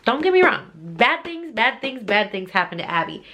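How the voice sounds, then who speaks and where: A woman book reviewer hosts her vlog channel in a casual, informal, gushing way, repeating things for emphasis. Her voice is a little high and fairly bright, very animated, at a normal speed.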